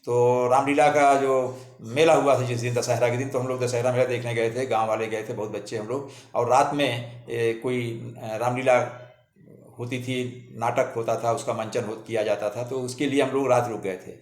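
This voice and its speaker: A man's voice: mid-range voice, steady tone, normal speed, darkish tone. A man in his seventies telling stories from his own life to his viewers in a homely way, often calling them his friends. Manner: homely, addresses listeners as friends. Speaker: memoir storyteller. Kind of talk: autobiographical storytelling to viewers. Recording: roomy echo.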